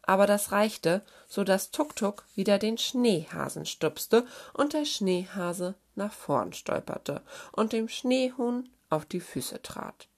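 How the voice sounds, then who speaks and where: A woman reading a children's story aloud in a gentle, expressive way. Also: mid-range voice, takes it slowly.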